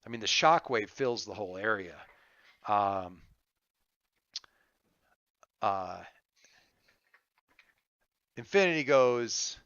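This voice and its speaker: A man running a tabletop game as game master, narrating off the cuff and thinking aloud in a halting, casual way. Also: lowish voice, lively intonation, fairly bright tone, clean tone, no room sound, lo-fi sound.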